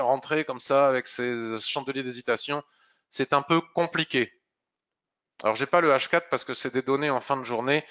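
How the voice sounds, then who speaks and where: A man's voice: mid-range voice, fairly bright tone, lo-fi sound. Man thinking aloud over trading charts. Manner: thinking aloud, with hesitations and throat clearing. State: slightly hoarse, clearing throat. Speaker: trading analyst presenting a market review. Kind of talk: live market review, explaining charts.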